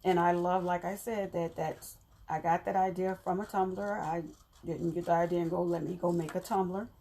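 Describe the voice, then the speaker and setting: A woman's voice: fairly low pitch, little pitch movement, normal speed, dark tone. A woman chatting casually to her viewers while she works on a craft project, laughing now and then. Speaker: crafter explaining her methods. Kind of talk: casual tutorial chat.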